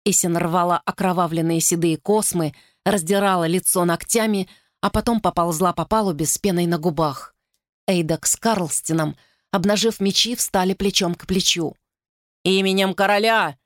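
A woman narrates an audiobook with a steady, dramatic delivery. Her voice is fairly low, and the recording is close and dry with no room sound. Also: moderate pace, no room sound. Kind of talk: scripted narration.

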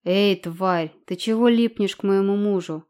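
A woman narrator voicing a shrill, abusive, jealous townswoman in an audiobook. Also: unhurried, a little mellow, lightly acted. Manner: screeching, abusive.

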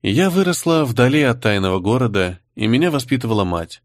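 A man reading the part of a composed young woman who answers an interrogation calmly and with pointed defiance. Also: medium pitch, no room sound, studio quality, close to an everyday voice. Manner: calm, measured, pointed.

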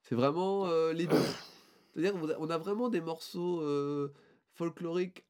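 A man talking on a casual podcast, his voice sitting a little higher than most men's. He rambles through a band presentation, hesitating, restarting and filling gaps with "euh". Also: a little slow, a little mellow.

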